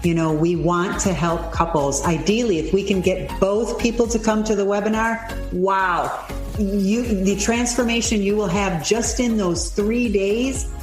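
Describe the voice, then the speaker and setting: Enthusiastic woman pitching a webinar, echoey. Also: steady tone, a little slow, soft background music. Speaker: webinar co-host in a promo. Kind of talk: promotional pitch.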